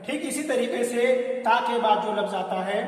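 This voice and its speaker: High-voiced man teaching letters in an echoey hall. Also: distant mic. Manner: patient, repeats each letter slowly for learners to copy. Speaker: Islamic teacher. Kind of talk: Quran reading lesson.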